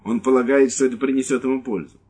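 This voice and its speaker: A man's voice: mid-range voice, steady tone, fast talker, dark tone, slightly rough, pitched above the performer's own voice, natural voice. A man voicing a stern police lieutenant who gives curt orders, in an audiobook. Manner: stern, commanding.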